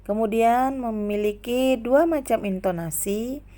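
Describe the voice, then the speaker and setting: A woman's voice: on the high side, unhurried, dark tone. A young adult woman teaching a grammar lesson, listing examples one by one.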